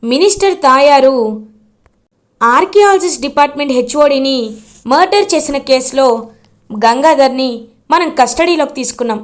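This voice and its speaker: A woman's voice: high-pitched, normal speed, pauses often, close to an everyday voice. A woman voicing a matter-of-fact senior male police officer giving instructions. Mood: instructing.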